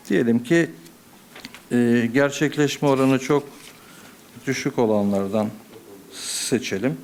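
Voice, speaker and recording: Man, budget committee member, podium microphone, formal council address, measured, hesitant fillers. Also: medium pitch, slight background noise.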